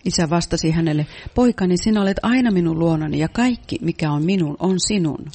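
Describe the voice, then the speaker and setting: Mellow man interpreting a sermon. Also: a little high. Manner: reads out each translated passage steadily.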